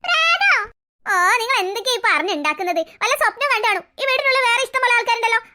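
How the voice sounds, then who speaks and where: A grumpy grown man, woken too early, grumbles with sarcasm, voiced by a cartoon voice actor. The voice stays very high and bright and comes out fast. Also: expressive, full character voice. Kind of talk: cartoon voice acting.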